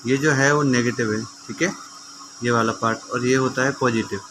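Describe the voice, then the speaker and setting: A man's voice: medium pitch, fairly even intonation, moderate pace, background noise. A man presenting an informal how-to demonstration, explaining step by step in a conversational way and addressing viewers like friends. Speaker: repair tutor presenting a how-to video.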